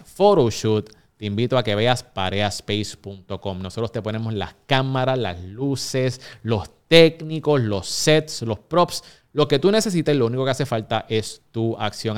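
A man's voice: medium pitch, clean tone. A man hosting a podcast from a recording studio, upbeat and speaking straight to his listeners. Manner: upbeat, direct address to listeners. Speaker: podcast host. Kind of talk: energetic podcast hosting with promotional reads.

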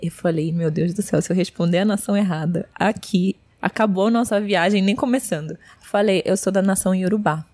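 A young adult Brazilian woman with a Brazilian Portuguese accent, a guest telling an animated story and acting out the voices of the people in it. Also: mid-range voice, fairly quick, hardly any pauses. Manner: expressive, acts out voices in her stories.

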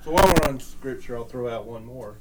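A man co-hosting a casual faith talk show whose microphone keeps cutting out. His voice keeps dropping away and he talks in a halting way. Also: medium pitch, crowd noise, rough recording. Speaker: co-host.

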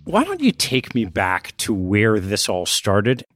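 A man hosting a podcast, reading a measured, scripted introduction and asking interview questions. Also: on the low side, wildly swooping pitch, fairly bright tone, soft background music. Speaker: podcast host.

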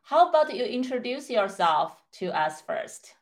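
A woman hosting a podcast, speaking in a measured, clear, explanatory way as she introduces the topic and interviews a guest. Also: fairly high pitch, big pitch swings. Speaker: podcast host, clinical psychologist.

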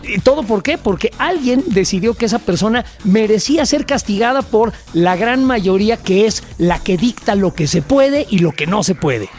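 A man's voice: sits high, lively intonation, normal speed, few pauses, a little mellow, faint music behind. A middle-aged man with a Mexican accent, co-hosting a casual debate chat, emphatic and full of fillers as he tells stories. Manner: emphatic, storytelling with many fillers. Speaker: podcast co-host.

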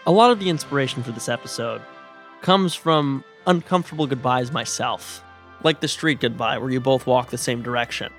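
A man's voice: mid-range voice, brisk, a bit bright, soft background music. A man hosting a podcast, speaking in a dry, wry scripted way. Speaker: podcast host.

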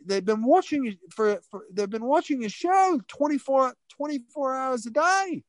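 A man's voice: very high-pitched, animated, moderate pace, no room sound, voice pushed up. A man voicing an upbeat Australian man who handles a crowd at an airport, with an Australian accent and a chummy, hyped manner. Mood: excited.

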